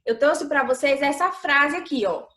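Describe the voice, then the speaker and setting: Here a Brazilian teacher of young children, accented in Brazilian Portuguese, records a lesson for remote learning. Her voice sits high with a fairly bright tone as she patiently lengthens key words and quizzes her pupils.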